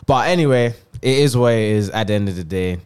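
A man's voice: on the low side, expressive, fast talker, a little mellow, clear, resonant tone. A man, casually discussing football as a podcast co-host.

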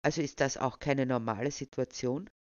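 A storyteller voicing a calm, friendly young woman with a dog, who speaks gently and encouragingly, on a dull, dry recording. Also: rumbling low, moderate pace, dry recording, pitched below the performer's own voice. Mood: gentle.

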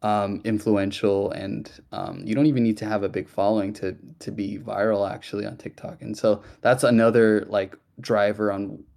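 A man's voice: on the low side, flat delivery, normal speed, vocal fry, few pauses, darkish tone. A man hosting a casual online Q&A, chatty and loose, with many fillers and restarts. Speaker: project host. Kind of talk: casual audio-room Q&A.

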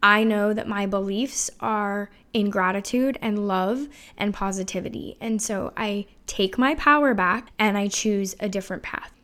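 A woman in her thirties talks through a reflective solo podcast episode in an earnest, confessional tone. Her voice is mid-pitched and carries some emotion, and she keeps it casual with "you know" and "like" along the way. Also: a little slow, hardly any pauses, a bit bright. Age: 30s. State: emotional, voice wavering. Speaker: podcast host.

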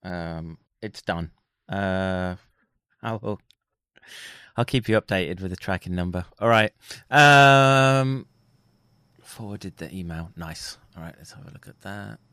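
A man's voice: deep voice, slow pace, pushed and bright, smooth, no room sound, clean studio sound. A man vlogging in a casual, chatty way, muttering to himself between remarks to his viewers.

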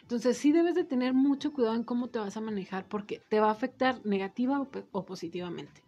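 A woman is a guest on a talk show. Her voice is somewhat high. She explains things in a chatty way, and the recording sounds slightly dull. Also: quick pace, mellow. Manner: explanatory, conversational. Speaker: guest, social media adviser. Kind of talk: casual interview talk.

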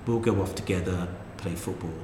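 A middle-aged podcast co-host tells anecdotes in a chatty, casual conversation, his pitch swinging lively. He talks a little fast, and the echoey room adds long reverb along with slight background noise.

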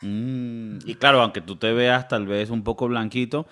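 A man's voice: mid-range voice, steady tone, moderate pace, fairly bright tone. A man hosting a podcast, teasing his co-host in casual chat. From Latin America. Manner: teasing, acts out mocking voices.

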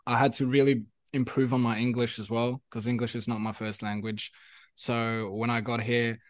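In a casual interview, a young adult musician from South Africa, whose first language is Afrikaans, speaks English with a South African accent, rambling, repeating himself, and using many fillers. His medium-pitched voice has little pitch movement, comes at normal speed, and has no echo.

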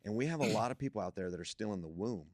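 A man's voice: on the low side, animated, very fast, a little mellow, no room sound. A young man, a guest on a church podcast, talking about faith in an emphatic, preacherly way that builds to strong points.

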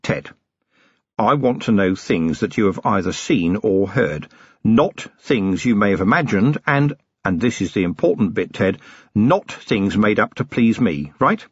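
A man's voice: on the low side, expressive, measured pace, slightly rough, dry recording, highs cut off. A man playing a shrewd, weary police commander. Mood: coaxing. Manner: coaxing, patient, dryly ironic.

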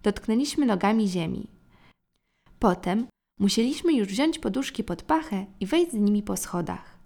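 A woman narrating a children's storybook in a gentle, expressive way. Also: mid-range voice, moderate pace. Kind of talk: storybook reading.

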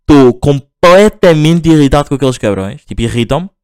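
A man's voice: a little high, lively intonation, brisk, darkish tone, clear, resonant tone, no room sound, studio quality. A young man from Portugal, rambling slangy and exasperated through a casual storytelling monologue to his listeners.

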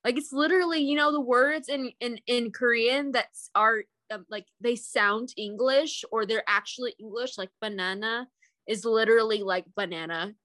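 A young woman co-hosting a podcast, chatting casually in an animated, giggly way with lots of fillers. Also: a little high, moderate pace, few pauses, dry recording. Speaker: podcast co-host. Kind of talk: casual chat.

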